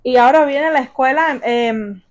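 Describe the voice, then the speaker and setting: A woman's voice: high voice, normal speed. A young Cuban woman with a Cuban accent vlogging at home as she unboxes gifts, gushing and exclaiming as she keeps calling her viewers family. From Cuba. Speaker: vlogger, mother. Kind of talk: casual unboxing vlog.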